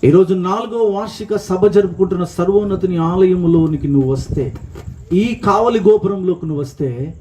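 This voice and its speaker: High-voiced lively Telugu preacher man. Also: normal speed. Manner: acts out the story's speakers, calls for loud hallelujahs. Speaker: pastor. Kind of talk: lively sermon with storytelling. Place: church service.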